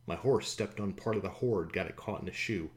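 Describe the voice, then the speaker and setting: A man's voice: sits low, fairly quick, close to an everyday voice. A man voicing a shaken male traveler in an audiobook, speaking in earnest, tired plain speech. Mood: weary. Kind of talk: audiobook character voice.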